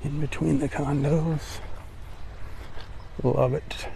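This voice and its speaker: Older man, gravelly, musing on a beach walk. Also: on the high side, slow pace, a little hiss or hum. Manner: relaxed, admiring running commentary. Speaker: vlogger walking the beach. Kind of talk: casual live-stream commentary. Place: outdoors on a sandy beach by the sea. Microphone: phone held while walking.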